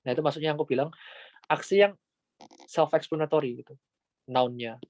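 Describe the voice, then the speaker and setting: A man's voice: on the high side, fairly even intonation, brisk, a little mellow, no echo. Chatty man teaching casually. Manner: chatty, informal, many fillers like "gitu". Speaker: Japanese language tutor. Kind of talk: casual online lesson.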